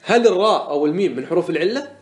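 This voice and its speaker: A man with a fairly high voice teaches a classroom lesson, drawing out each example word slowly and firing questions he answers himself. The sound rings around an echoey room. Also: lively intonation. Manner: drawls out example words slowly, asks and answers his own questions. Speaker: sheikh teaching Arabic morphology. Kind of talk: classroom lesson explaining verse.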